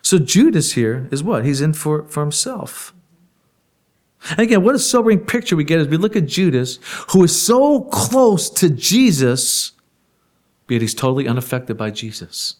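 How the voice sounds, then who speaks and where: Give me a man preaching, animated pitch, casual and talky with rhetorical questions. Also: moderate pace. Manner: conversational preaching with rhetorical questions and soft laughs. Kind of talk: sermon.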